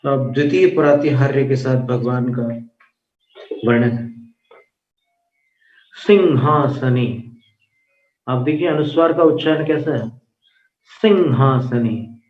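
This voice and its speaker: A man teaching how to recite a hymn, chanting verse lines slowly and then explaining the pronunciation in quick spoken asides. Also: medium pitch, darkish tone. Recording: echoey, dull, distant mic.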